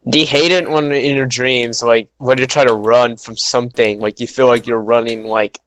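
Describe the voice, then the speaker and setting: A man's voice: medium pitch, little pitch movement, normal speed, fairly bright tone, poor audio. A young man chatting casually on a podcast, rambling with lots of fillers. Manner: rambling, heavy filler words. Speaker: podcast co-host. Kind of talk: casual chat.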